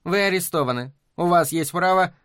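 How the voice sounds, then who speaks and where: Мужчина читает невозмутимую женщину-полицейского. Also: male voice, sits high, fairly quick, smooth, no echo, studio quality, voice pushed up. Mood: cool. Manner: quiet, flat, matter-of-fact. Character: small, cool, composed female police officer.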